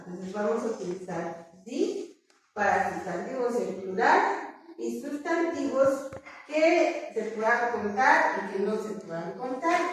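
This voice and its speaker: A young woman teaching English grammar to a class, patiently quizzing her students and having them repeat words after her. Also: on the high side. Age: young adult. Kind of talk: classroom lesson. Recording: very echoey classroom, distant mic, faint hiss.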